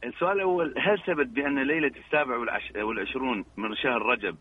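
A man's voice: medium pitch, very fast, a little hiss or hum. A man calling in by phone with religious questions, polite and deferential toward the sheikh. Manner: polite, deferential, many blessings. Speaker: caller. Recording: tinny phone line.

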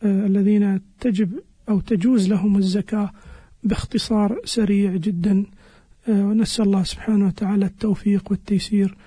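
A man explaining religious rulings as a scholar on a radio program, in a measured, halting way with pauses. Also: high-pitched, flat delivery, warm tone, slightly rough, dry recording. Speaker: Islamic scholar answering listeners' questions.

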